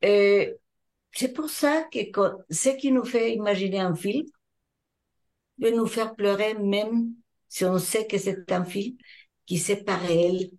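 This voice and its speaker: Older Mexican woman, French as a second language, slow and mellow, a hypnotherapist being interviewed. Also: medium pitch. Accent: Mexican Spanish. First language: Spanish. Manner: thoughtful, searching for words in French. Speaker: hypnotherapist and trainer. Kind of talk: interview answers.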